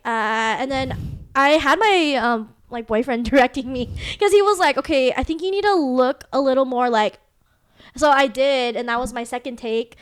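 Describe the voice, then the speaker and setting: A woman's voice: on the high side, clear, resonant tone. A young woman co-hosting a podcast, telling a long story in casual chat, full of fillers. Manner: rambling storytelling, many fillers. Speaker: podcast co-host.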